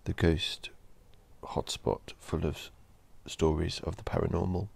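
Man, horror story narrator, gravelly fry, very low pitch, slow measured reading. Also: steady tone, darkish tone.

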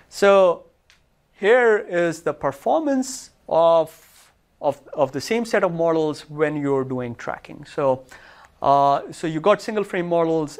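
A man presenting research in a lecture room, walking listeners through results on his slides in a technical talk. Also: fairly high pitch.

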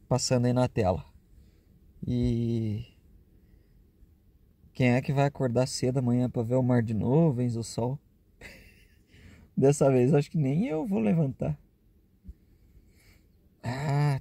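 A travel vlogger from Rio Grande do Sul in southern Brazil narrates casually in a chatty, easygoing way, using lots of tag questions and his regional accent. His mid-range voice is mellow with no echo, captured on a camera held at arm's length at a grassy hilltop campsite, and earlier inside a car at night.

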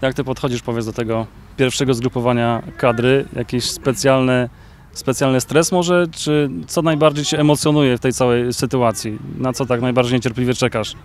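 A male sports reporter interviewing a player outdoors beside a pitch, asking long questions with filler sounds. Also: steady tone, moderate pace. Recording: faint outdoor noise.

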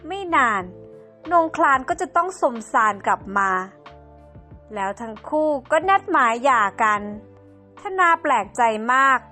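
High-voiced woman narrating a drama. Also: lively intonation, measured pace, bright, forceful tone, faint music behind. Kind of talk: scripted narration.

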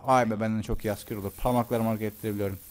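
A man's voice: on the low side, flat delivery, rapid-fire. Joking man chatting over gameplay. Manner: joking, chatty, talks to the game characters. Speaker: gameplay commentator. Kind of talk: casual let's-play commentary.

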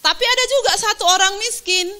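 A woman pastor preaching a sermon, lively and animated, acting out quotes and laughing along. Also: very high voice, fast.

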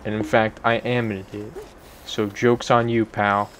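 A man's voice: on the low side, level tone, moderate pace, a bit bright, slight background noise. A young man giving casual, rambling gameplay commentary, self-deprecating and swearing offhandedly. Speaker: gaming video creator.

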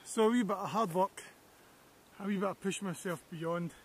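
A man's voice: high voice, normal speed, loud music behind the voice. A man with a Scottish accent, a landscape photographer vlogging outdoors on a hillside, enthusiastic and reflective as he talks to the camera. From Scotland. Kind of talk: outdoor walking vlog. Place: hillside outdoors in snowy weather.

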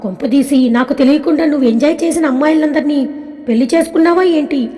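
A woman voicing an innocent, affectionate young wife who talks gently and pleadingly. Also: sits high, fast, lightly acted. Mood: tender. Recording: long reverb.

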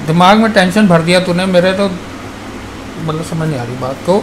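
A man's voice: high voice, animated, moderate pace, noisy background. A middle-aged father at home, talking in a stern, scolding, threatening way. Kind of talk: family argument at home. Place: family home indoors.

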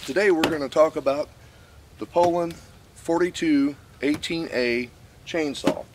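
With a noisy background, a camera mic records an older man's fairly high-pitched, unhurried voice. He hosts his channel, reviewing a chainsaw in a wooded lot. He explains and demonstrates it casually in a folksy, plain way with fillers.

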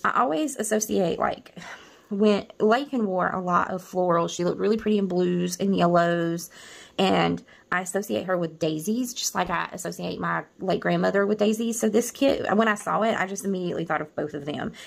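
A woman's voice: fairly low pitch, normal speed, gravelly. A middle-aged woman chatting casually while showing off planner kits, rambling with many restarts and a tender, wistful tone. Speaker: planner vlogger.

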